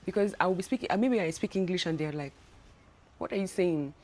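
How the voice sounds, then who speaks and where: Chatty Nigerian woman, lowish voice. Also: fast, darkish tone. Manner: chatty, many restarts and repeated words. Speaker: travel vlogger. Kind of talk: casual vlog monologue.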